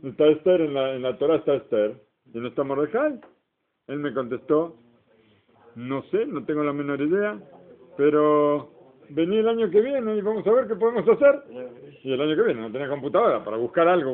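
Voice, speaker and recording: A man's voice: mid-range voice, lively intonation, brisk. A man teaching an informal Torah class, explaining step by step and asking the class questions. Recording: tinny phone-like recording.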